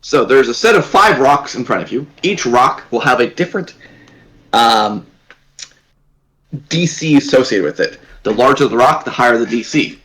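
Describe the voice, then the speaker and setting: A man serves as dungeon master, telling the tabletop story in a halting, rambling way with many restarts. The voice is medium in pitch, expressive, and a little bright, and the recording sounds rough.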